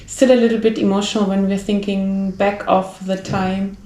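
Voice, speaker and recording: German accent woman early 30s, casual vlog chat, medium pitch, echoey room. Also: level tone, normal speed, over a noisy crowd. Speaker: vlog co-host.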